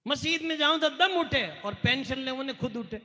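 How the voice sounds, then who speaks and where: A man's voice: very high voice, animated, moderate pace, sharp tone, in a large hall. A man preaching a fervent sermon in a Marwari accent, urging the crowd to respond and breaking into sung verses.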